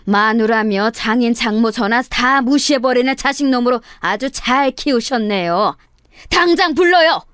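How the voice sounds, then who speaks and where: A woman voicing an older mother furiously confronting her daughter's in-laws, shouting and scolding. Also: fairly high pitch, expressive, moderate pace, clean tone, no room sound, studio quality.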